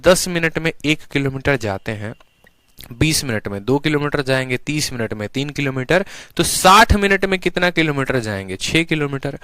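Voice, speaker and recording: A man's voice: on the high side, a bit bright, clear, resonant tone, no room sound. A man teaching an exam-prep maths lesson online, explaining step by step and putting questions to his students before answering them himself.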